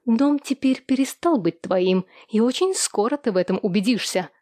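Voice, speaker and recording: A woman's voice: a little fast, no echo, clean studio sound, close to an everyday voice. A woman reading an audiobook, voicing a spiteful, haughty young woman who hisses and sneers. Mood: indignant. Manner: shrill, sneering and shouting.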